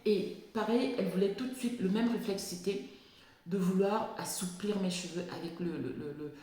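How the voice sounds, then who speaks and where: A woman, talking casually and haltingly as she explains and tells anecdotes, often repeating words as she searches. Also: mid-range voice, mellow. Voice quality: lisp on s sounds. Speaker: video blogger on natural hair. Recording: very echoey, reverberant room.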